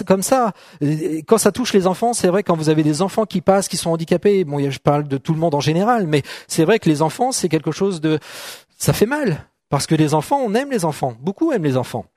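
A middle-aged man delivers a sermon in a relaxed, conversational way, often asking "d'accord?" and joking with the people in front of him. His voice sits a little high for a man, and the sound is dry and close. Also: a little fast, no echo. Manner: conversational, checks in with "d'accord?", jokes with the congregation. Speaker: preacher. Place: church hall.

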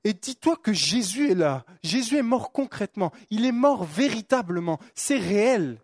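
A man's voice: high voice, very animated, normal speed, a little mellow, no echo, clean studio sound. A young man preaching a sermon, fervent, repeating phrases for emphasis and stumbling on words. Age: young adult.

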